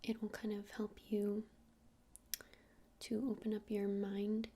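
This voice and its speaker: In an ASMR roleplay, a woman plays a friendly witch shopkeeper, whispering softly and breathily at a slow pace. Her mid-range voice stays monotone as she gives gentle, helpful, hesitant and informal explanations.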